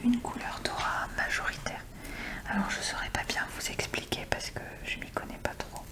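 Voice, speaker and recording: A woman doing informal, soft-spoken ASMR show and tell in a breathy whisper, close and intimate as if right in the ear. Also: normal speed. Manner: informal, chatty. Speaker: ASMR video creator.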